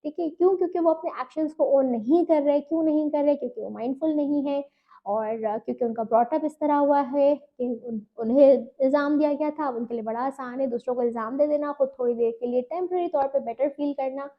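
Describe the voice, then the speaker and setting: A woman's voice: high-pitched, fairly quick, muffled recording. A woman from Pakistan, giving earnest parenting advice and mixing in English phrases. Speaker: parenting coach.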